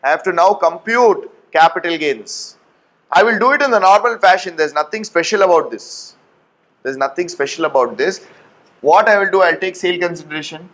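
A man in his thirties with an Indian accent, teaching in an animated storytelling way, repeating phrases and asking rhetorical questions. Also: high-pitched, a little fast. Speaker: tax law teacher. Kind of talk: lecture with acted-out anecdotes. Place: indoor classroom at a whiteboard. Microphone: lapel mic.

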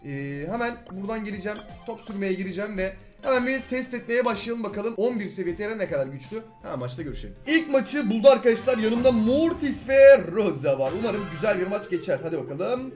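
A young man in his twenties giving excitable, slangy commentary over his own gameplay, swinging between calm asides and frustrated outbursts. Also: high-pitched, fast, few pauses, faint music behind. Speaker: gaming YouTuber.

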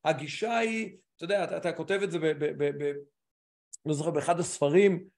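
Brief: male host and coach, high-pitched voice, animated, restarts often and repeats for emphasis. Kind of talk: live online talk.

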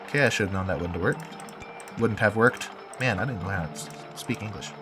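A game video creator with a head cold gives casual commentary while building in a game, his voice nasal and stuffy. He thinks aloud and corrects himself, speaking a little fast at a fairly low pitch over music.

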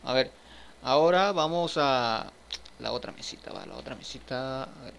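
A man's voice: medium pitch, animated, moderate pace, vocal fry, fairly bright tone, slight background noise. A man giving casual gameplay commentary, chatting to his viewers as he furnishes a house in a game. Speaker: gaming streamer.

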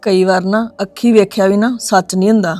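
A woman's voice: mid-range voice, fairly even intonation, fairly quick, dark tone, no room sound, soft background music, lightly acted. An actress playing a wary woman who keeps urging caution and advising that things be checked properly, in a domestic drama. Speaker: actress in a web series.

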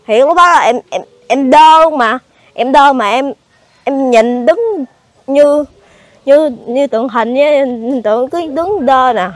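A pregnant woman with a Southern Vietnamese accent, speaking in a high voice. She answers questions haltingly and stumbles over repeated words. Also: no room sound. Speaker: fire victim being interviewed. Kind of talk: emotional interview answers.

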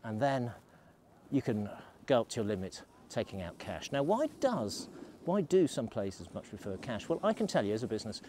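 A man's voice: medium pitch, big pitch swings, normal speed, mellow, slight background noise. Chatty man on a ski slope. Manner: chatty, rambling asides. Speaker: ski resort vlogger. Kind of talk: casual vlog while skiing. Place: outdoors on a snowy ski slope. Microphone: selfie camera at arm's length.

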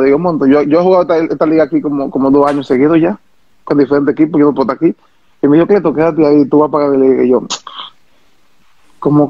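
Lively Dominican man telling stories. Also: fairly high pitch, no echo, muffled recording. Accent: Dominican Spanish. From Dominican Republic. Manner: animated, repeats words, acts out quotes. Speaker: former baseball pitcher. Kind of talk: interview storytelling.

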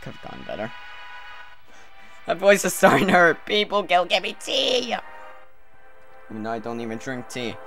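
A man's voice: sits high, sing-song, moderate pace, pauses often. Sarcastic young man gaming commentary. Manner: joking, sarcastic, rambling. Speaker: let's play commentator. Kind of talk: game commentary. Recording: game music behind.

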